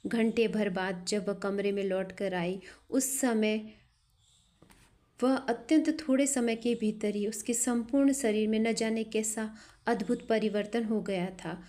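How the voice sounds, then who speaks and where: A woman storyteller reading a classic literary story aloud in a measured way. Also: on the high side, steady tone, dark tone.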